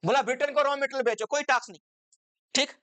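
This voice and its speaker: A woman teaches a commerce lesson in a conversational, exam-focused way, constantly quizzing her students with rhetorical questions. Her voice sits fairly high. The recording is dry, with no room sound. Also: fast, fairly bright tone, no echo. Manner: conversational, asks students rhetorical questions, mixes English terms into Hindi.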